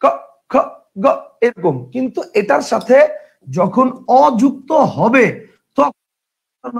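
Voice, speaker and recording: In a very high, sing-song voice that is slow, creaky and husky, a man leads a grammar class over the internet. Viewer comments get read out and answered, while he repeats questions and keeps asking if everyone understands.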